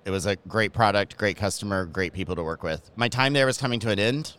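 Low, smooth-voiced Southern man. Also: fast talker, a bit bright. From Georgia, USA. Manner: easygoing, joking, enthusiastic. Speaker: marketing executive guest. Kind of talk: casual interview talk. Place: large convention ballroom.

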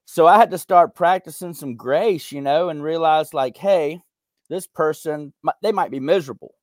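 A man's voice: on the high side, normal speed, darkish tone, no echo, clean studio sound. A young man being interviewed as a podcast guest, talking in an earnest, reflective way with lots of "you know.". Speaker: podcast guest, veteran and content creator. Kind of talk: candid conversational interview.

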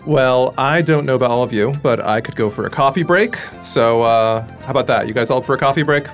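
A man's voice: medium pitch, quick pace, soft background music. A man hosting a podcast in casual conversation. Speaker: podcast host. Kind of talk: casual chat.

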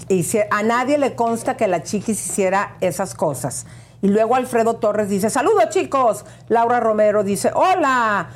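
A woman's voice: a little high, a little hiss or hum. A woman co-hosting a gossip show, chatting and reading viewer comments aloud.

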